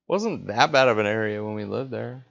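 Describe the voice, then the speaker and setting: A man co-hosting a podcast, trading deadpan sarcastic jokes while watching a movie. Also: fairly low pitch, creaky. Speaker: podcast co-host. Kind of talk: joking movie riff commentary. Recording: dull lo-fi sound.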